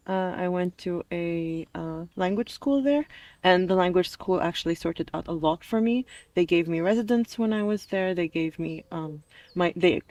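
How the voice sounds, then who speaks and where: A woman in her twenties, an American master's student who grew up in Dubai, answers questions casually and conversationally as an interview guest. Her voice is fairly low and darkish, with no room sound.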